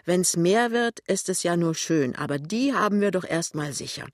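A woman's voice: on the low side, lively intonation, moderate pace, no room sound, clean studio sound, natural voice. A woman reader voicing a shy young clerk and husband, talking hesitantly in an audiobook. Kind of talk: audiobook reading.

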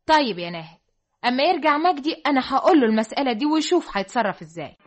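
A woman's voice: high-pitched, very animated, racing. An Egyptian woman playing a coaxing, exasperated wife and mistress of the house in an old radio comedy.

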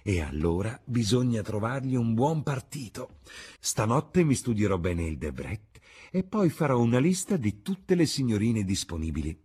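A chattering elderly society hostess, voiced by a man, her husky voice pushed high and loud. She gushes and swoops theatrically, teasing her guests without pause. It is told like a storybook read aloud. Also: sing-song. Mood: gossipy. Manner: shrill, gushing, theatrical.

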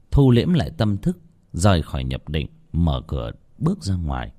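A man's voice: deep voice, dark tone. A man, narrating a scripted horror story with dramatic tension.

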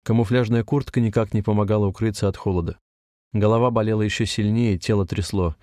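A man reading a gloomy short story aloud in a low, measured, somber way. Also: steady tone, darkish tone, dry recording, studio quality. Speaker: reader. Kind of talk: audiobook narration.

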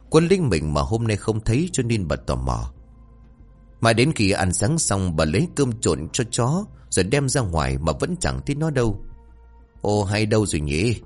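A man with a lowish voice narrates a horror story, his pitch rising and falling with lively drama. Faint music plays underneath.

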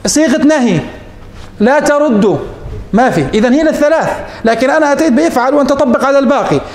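A man's voice: very high voice, racing, roomy sound. A man teaching morphology as a sheikh, posing questions to his students and answering them himself. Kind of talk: classroom lesson.

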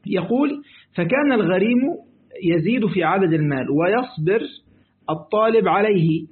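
A man's voice: sits high, normal speed. A man with an Egyptian accent teaching a lesson on a classical exegesis text in colloquial style, acting out little dialogues between his explanations. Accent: Egyptian Arabic. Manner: lively, acts out dialogues, switches between reading text and colloquial asides. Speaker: sheikh teaching Quranic exegesis. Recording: tinny phone-like audio.

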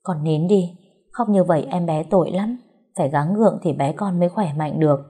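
A gentle older matriarch in a storybook, soothing and sniffling through her own tears, voiced by a woman. The tone is low, husky and mellow. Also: moderate pace. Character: older head wife, gentle and tearful.

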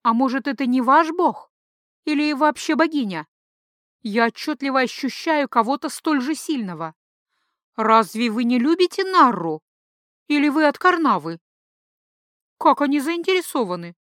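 A woman's voice: sits high, expressive, normal speed, long pauses, fairly bright tone, no room sound, clean studio sound, voice pushed up. A woman reading a mad blind priestess in an audiobook, a flirtatious, erratic woman who swings between coy teasing and shrieked prophecy. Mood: agitated.

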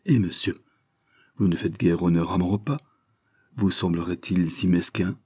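Male reader as a greedy naval commodore, gruff and blunt, dark husky tone. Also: sits low, normal speed, no echo. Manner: blunt, commanding.

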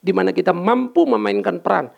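Animated gravelly male preacher. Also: high-pitched, fairly quick, dull audio. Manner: animated, banters with congregation, mixes in English words. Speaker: pastor. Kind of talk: lively sermon. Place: church.

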